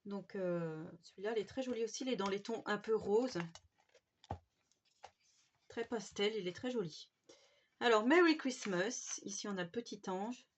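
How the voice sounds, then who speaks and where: A woman's voice: mid-range voice, normal speed, long pauses, a little mellow, slight background noise. A woman casually showing off craft supplies she bought, chatty and gushing, with many fillers. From France. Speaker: craft vlogger. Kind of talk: casual haul show-and-tell. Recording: slightly dull home recording.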